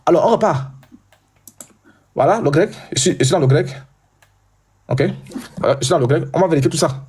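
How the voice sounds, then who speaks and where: A man hosting a heated live debate, talking loudly and insistently and repeating himself. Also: a little high, animated, brisk, husky.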